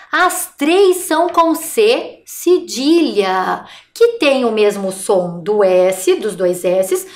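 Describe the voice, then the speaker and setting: A woman teaching young children in a recorded remote class, encouraging and speaking slowly and clearly. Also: high-pitched, a bit bright, roomy sound. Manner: encouraging, sing-song, slow and clear for children. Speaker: primary school teacher.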